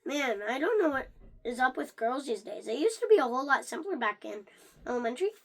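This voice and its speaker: In a high, female-sounding voice with vocal fry, someone reads a children's book aloud for a read-along. It's animated, a bit halting, and marked by stumbles and restarted phrases.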